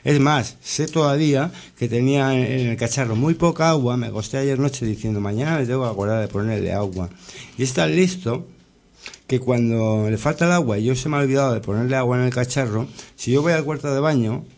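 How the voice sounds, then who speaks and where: Gravelly, rambling man telling stories. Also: medium pitch, darkish tone. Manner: rambling, halting, with many restarts and tag questions. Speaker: interviewee. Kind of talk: casual storytelling.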